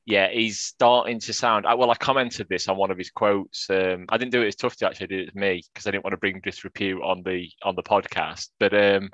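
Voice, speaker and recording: A man's voice: low-pitched, steady tone, a little fast, few pauses, a bit bright, dry recording. A man in his forties co-hosting a football podcast, chatty and self-mocking. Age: 40s. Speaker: podcast co-host. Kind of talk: casual football podcast chat. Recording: dry, dull lo-fi sound.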